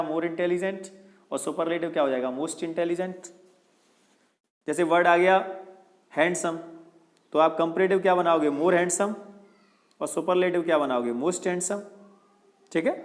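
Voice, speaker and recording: A male teacher giving a step-by-step grammar lesson, often asking a question and answering it himself. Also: fairly high pitch.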